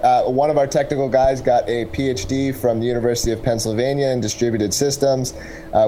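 A man giving casual, explanatory interview answers as a tech startup representative, pausing to pick his words. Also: medium pitch, mellow, slight background noise, low-quality recording.

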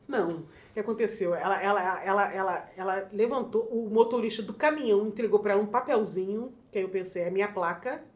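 A middle-aged woman from Brazil, a guest telling a story in casual chat, expressive and often laughing as she acts out quotes. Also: medium pitch, fairly quick, hardly any pauses.

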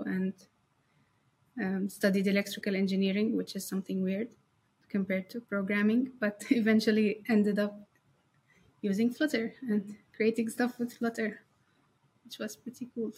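A woman's voice: medium pitch, little pitch movement, normal speed, a little mellow, slightly rough. A young woman from Syria, a developer being interviewed, friendly and laughing often, repeating words as she talks. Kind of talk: casual interview.

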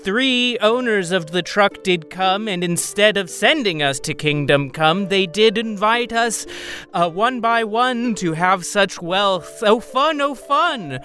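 A man plays a whimsical woman bandit from a tabletop game. The voice sits very high and recites slowly and theatrically, with music underneath. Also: animated, sharp tone, full character voice. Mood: whimsical gratitude.

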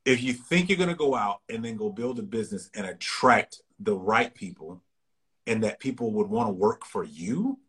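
A man hosting a podcast, giving energetic, preachy productivity advice full of rhetorical questions. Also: lowish voice, moderate pace, husky. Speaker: podcast host. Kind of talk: casual podcast chat.

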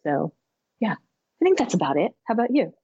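A woman co-hosting a podcast in casual, reflective chat, thinking aloud with halting restarts and fillers. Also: medium pitch, very animated, warm tone, breathy edge, no room sound, muffled recording. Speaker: podcast co-host.

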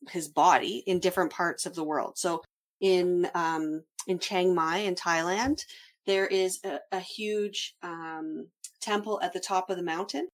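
A woman in casual conversation, explaining things as a traveler recounting a trip. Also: on the low side.

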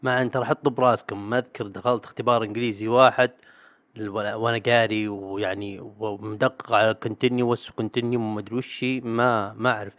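A man's voice: on the low side, fast talker. A young man, talking casually and sarcastically as a host, packing his speech with fillers. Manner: animated and sarcastic, acts out other people's voices; frequent fillers and restarts. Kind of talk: casual monologue.

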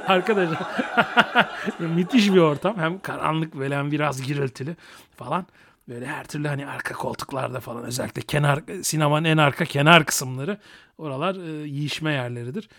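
Male podcast host, slightly high-pitched voice, improvised monologue, cocky and crude humour with frequent chuckling. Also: quick pace, vocal fry, background noise. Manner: crude, boastful, joking; chuckles often while talking. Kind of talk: unscripted solo podcast monologue.

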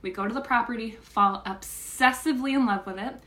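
Young female course teacher, high bright voice, chatty and expressive storyteller. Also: a little fast. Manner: animated storytelling, exclaims when reliving moments. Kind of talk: recorded online lesson.

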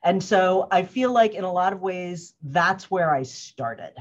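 Woman, fifties, lowish voice, reflective podcast guest, lo-fi recording. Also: expressive, unhurried. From US, grew up in Cambridge, Massachusetts. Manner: thoughtful, loose, with many fillers and restarts. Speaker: guest, organizational wellness consultant. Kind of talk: casual interview talk.

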